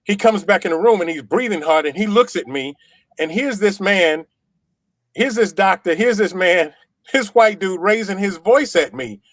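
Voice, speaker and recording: An animated middle-aged man tells his story in a fairly high voice. He circles back on phrases for emphasis and acts out the voices of the people in it. The sound is close and dry, with no room in it. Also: moderate pace, no room sound. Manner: acts out quoted dialogue. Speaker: testimonial guest. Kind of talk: personal storytelling.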